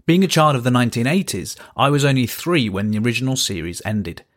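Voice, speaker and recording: A Birmingham man in his thirties hosts a podcast, reading his own scripted first-person story with dry, wry understatement. His mid-range voice is a bit bright and quick.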